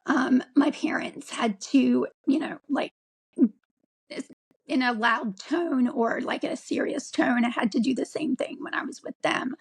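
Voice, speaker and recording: A woman of forty, an interview guest, telling her own story in a halting way with frequent ums and restarts. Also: high-pitched, vocal fry, husky, rough recording. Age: 40s. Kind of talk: candid personal account.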